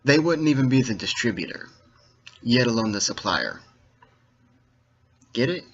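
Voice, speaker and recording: A dull, lo-fi recording of a man with a mid-pitched voice talking straight to his viewers. He lectures informally, breaking his sentences into halting, deliberate phrases. Key words get firm stress, and he likes to make sure the point has landed. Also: big pitch swings, a bit bright, breathy edge. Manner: didactic, checks that listeners follow. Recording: dull, lo-fi sound.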